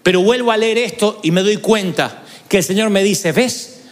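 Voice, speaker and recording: A man preaching a sermon in an earnest way, moving between quick asides and slow, emphatic lines. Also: high voice, big-room sound.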